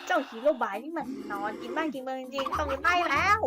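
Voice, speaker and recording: Bossy nagging cartoon wife, very high voice, a woman doing it, music underneath. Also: fast talker, natural voice. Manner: imperious, nagging commands. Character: bossy demanding wife, adult woman, lazy and domineering. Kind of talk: Thai fan dub of a game cartoon.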